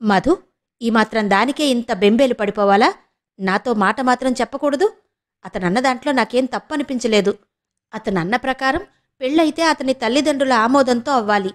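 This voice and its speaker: A woman's voice: fairly high pitch, moderate pace, natural voice. A woman voicing a young woman, a firm, protective elder sister who presses with questions. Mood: reassuring.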